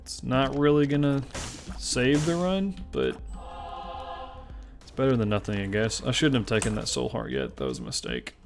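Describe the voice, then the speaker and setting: An expressive, medium-pitched voice at normal speed belongs to a gaming channel host in his twenties from Memphis, Tennessee, with music in the background. Speaking with a Southern accent, he chats casually and self-deprecatingly about his gameplay, often rambling from thought to thought.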